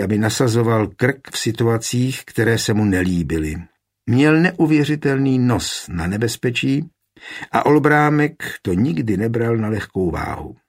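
A man reading an adventure novel aloud, telling it steadily and lifting his voice for the shouted lines. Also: husky. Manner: steady storytelling, raising pitch and volume for shouted dialogue. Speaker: audiobook narrator. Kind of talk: scripted narration of a historical adventure novel.

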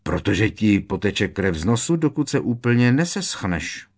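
A man's voice: fairly low pitch, sing-song. A man voicing a cheeky, mischievous teenage prankster in an audiobook, teasing and cocky.

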